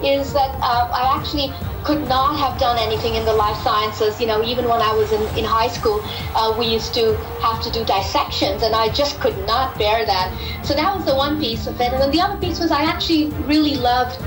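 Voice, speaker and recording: A middle-aged Pakistani woman, a physicist, answers interview questions thoughtfully, pausing and repeating words as her ideas take shape. Her voice is fairly high and steady in tone. The audio is poor and reverberant, with music playing in the background.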